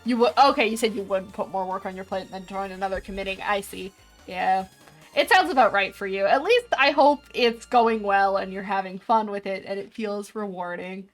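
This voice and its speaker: A woman in her early twenties talks casually to her viewers at a desk microphone, reading out their messages and breaking into frequent laughter. Her pitch sits in an ordinary middle range. Soft music plays faintly behind her. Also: moderate pace. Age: 20s. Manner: chatty, reads chat aloud, laughs often. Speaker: streamer. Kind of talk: casual chat with viewers while drawing. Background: faint background music.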